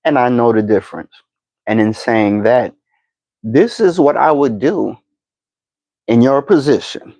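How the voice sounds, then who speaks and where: A man in his fifties, a podcast host giving slow, deliberate motivational advice, with frequent fillers and repeated words. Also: mid-range voice, a little mellow, no echo, low-quality recording. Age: 50s. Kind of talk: motivational talk to camera.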